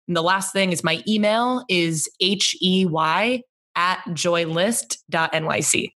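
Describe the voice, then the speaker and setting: A woman's voice: fairly low pitch, takes it slowly, fairly bright tone. A young adult woman, a guest on an interview, talking earnestly and thoughtfully about her work. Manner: earnest, thoughtful, laughs easily. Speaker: interview guest, community organizer. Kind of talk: casual interview chat.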